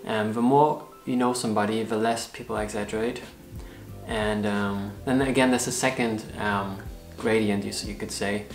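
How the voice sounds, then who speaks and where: A man's voice: fairly low pitch, steady tone, moderate pace. A young man with a German accent, a native German speaker, co-hosting a casual vlog and searching for words with many fillers. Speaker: vlog co-host. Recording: roomy echo, faint music.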